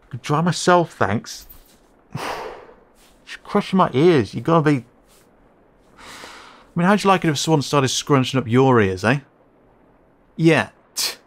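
Pitched a little high and lively in intonation, a man plays a mouthy, jumpy raccoon kid for an audio roleplay, grumbling under his breath and protesting sarcastically in fits and starts.

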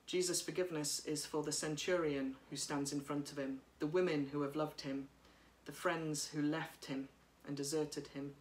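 A woman's voice: low-pitched, steady tone, normal speed, hardly any pauses. Woman preaching in an echoey living room. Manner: gentle, reflective delivery, reading from notes. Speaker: priest. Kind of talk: sermon. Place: living room by a bright window. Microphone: camera across the room.

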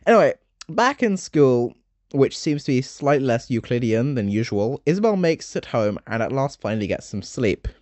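A young man in his late teens narrating a game summary video essay, chatty and full of joking asides with dark humor. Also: mid-range voice, sing-song, moderate pace, no echo.

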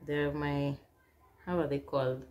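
For her casual Q&A vlog, a chatty Kenyan YouTuber in her twenties reads get-to-know-me questions and answers each, sprinkling in Swahili phrases. She has a Kenyan accent and a deep, slightly mellow voice with fairly even intonation and a measured pace, and she sits before a plain wall in a small indoor room.

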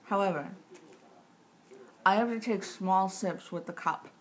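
Unhurried and mid-range in pitch, a woman in her thirties chats casually on camera about recovering from surgery, her words tight-jawed because of a recent jaw operation. She rambles plainly and interrupts herself. Recorded in a small living room on a camera mic roughly an arm's length off, with clear room noise in the background.

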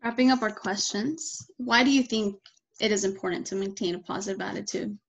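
A woman interviewing a guest, asking questions and chatting in a relaxed, conversational way. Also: mid-range voice, a little fast, creaky, husky, poor audio.

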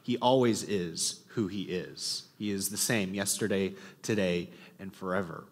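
A man's voice: sits low, measured pace. A man teaching a classroom literature lesson, reading passages aloud and posing questions to the class, with frequent ums, in a classroom with a long reverb.

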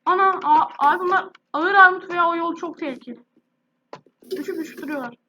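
A woman's voice: extremely high pitch, brisk, noisy background. A woman with a sore, irritated throat, chatting casually to viewers as a gaming youtuber. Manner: chatty, addresses viewers directly. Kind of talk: casual gameplay commentary.

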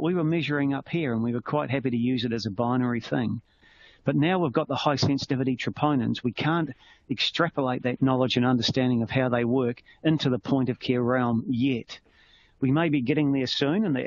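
This clinician has a creaky voice of medium pitch and a New Zealand accent. He teaches in a relaxed, conversational webinar on medicine, drawing on everyday analogies, and the audio is slightly muffled with some faint noise.

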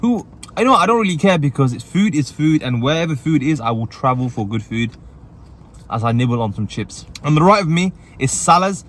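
A man's voice: on the high side, lively intonation, fairly quick, fairly bright tone. A man reviewing food in a parked car, chatty and upbeat, talking while he eats. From England. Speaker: food reviewer and channel host. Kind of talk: casual food review vlog.

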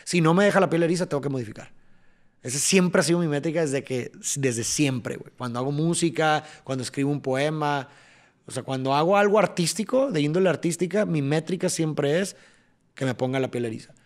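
A young man with a Mexican accent talks casually as a podcast guest, in a voice sitting a bit high for a man. He explains with energy and taps out rhythmic syllables as he goes. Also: a little fast. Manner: animated, rhythmic, tapping out syllables.

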